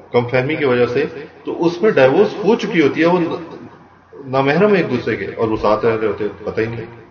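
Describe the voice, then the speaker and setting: A man calmly teaching a religious law lesson, explaining step by step and repeating key points. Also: mid-range voice. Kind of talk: explanatory lecture mixing Urdu and English terms. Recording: echoey, distant, dull lo-fi room recording.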